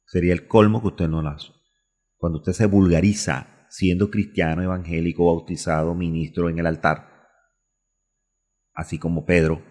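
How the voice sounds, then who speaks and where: Husky deep-voiced preacher man. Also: fairly even intonation, normal speed, darkish tone, long reverb tail. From Colombia. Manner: preaching with rhetorical questions, repeating phrases. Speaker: pastor. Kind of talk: radio sermon.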